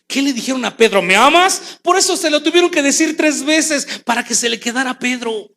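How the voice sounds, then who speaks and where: A man's voice: very high-pitched, a little fast, creaky, fairly bright tone. A man preaching a sermon as pastor, acting out quotes and rising to calls aimed at the congregation.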